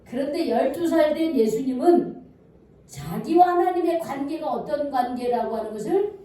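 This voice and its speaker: A woman's voice: high-pitched, lively intonation, normal speed, dark tone. A woman pastor preaching a sermon in a church, putting questions to the congregation and answering them herself. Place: church sanctuary. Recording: echoey church hall, voice from far off.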